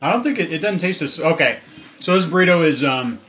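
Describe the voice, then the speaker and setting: A man's voice: a little high, animated, a little fast, slight background noise. A man joking and teasing his friends during a casual burrito review chat. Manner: teasing, loud outbursts and laughs. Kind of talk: casual food review banter. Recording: echoey room with faint ambience.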